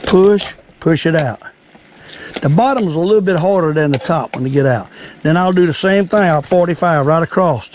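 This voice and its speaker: An older man from behind a home camera talks in a folksy old fisherman way with a Southern US accent. His voice sits fairly high for a man. He explains things casually and repeats himself, with some background noise on the recording. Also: moderate pace, darkish tone. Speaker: cooking and fishing video host. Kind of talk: casual how-to chat.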